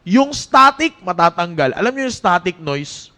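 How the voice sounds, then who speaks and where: Brief: man, youth preacher, high voice, animated and joking, church sermon. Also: moderate pace. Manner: animated, joking storyteller who breaks into laughter. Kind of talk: casual Taglish sermon to young people.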